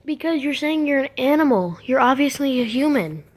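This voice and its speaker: A woman with a fairly high voice comments casually, sounding sceptical and teasing. The recording is noisy, with clicks. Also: animated, a little fast. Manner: sceptical, mocking. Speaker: reaction commentator.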